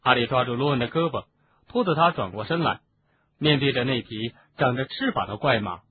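A man narrating an audiobook in an expressive storytelling manner. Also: mid-range voice, fairly quick, breathy edge. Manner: expressive, doing voices for each character. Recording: narrow phone-like sound, faint hiss.

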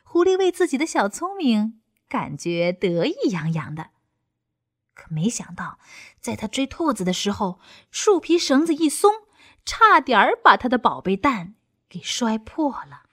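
A woman reading a children's story aloud with expressive, playful emphasis. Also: a little high, unhurried.

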